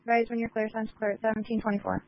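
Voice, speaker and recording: A woman working as an emergency dispatcher, speaking in brisk, clipped radio codes over a police radio channel. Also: fairly high pitch, little pitch movement, gravelly, dry recording. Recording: lo-fi scanner radio audio.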